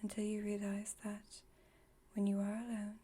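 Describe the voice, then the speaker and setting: A woman plays an aloof, wry vampire friend who secretly cares, in a soft, breathy ASMR roleplay delivered as an intimate monologue. Her mid-range voice is completely flat and only lightly acted, dry, teasing and unhurried, in a soft, reflective mood.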